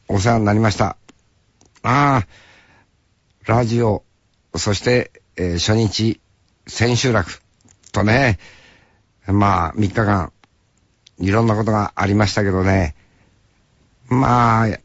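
A man from Hokkaido, a musician, rambling casually on the radio with rough, folksy speech. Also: fairly low pitch, dry recording, highs cut off. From Hokkaido, Japan. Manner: rambling, folksy, drops rough sentence-final particles. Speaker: musician talking after concerts.

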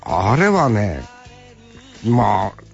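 A man from Hokkaido, a musician, rambling casually on the radio with rough, folksy speech. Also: lowish voice, huge pitch swings, very slow, lo-fi sound, soft background music. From Hokkaido, Japan. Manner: rambling, folksy, drops rough sentence-final particles. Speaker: musician talking after concerts.

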